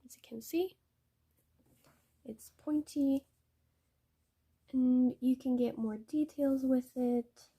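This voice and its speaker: A young woman explaining paintbrushes in a painting tutorial, hesitant and halting, often correcting herself. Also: high voice, fairly even intonation, mellow, husky. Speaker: art tutor.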